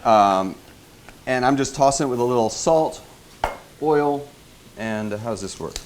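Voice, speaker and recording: A man from Italy cooking in a kitchen, explaining a dish hesitantly, pausing with fillers as he searches for words. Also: mid-range voice, a little hiss or hum. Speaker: guest chef and cooking teacher. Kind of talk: cooking demonstration chat. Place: kitchen with food frying.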